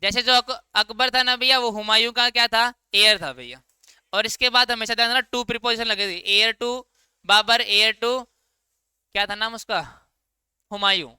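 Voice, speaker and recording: With a high, very bright, crisp and clear voice, a man teaching English grammar throws questions at his students and answers them on his own, keeping the lecture casual. The audio is dry and close, free of room echo.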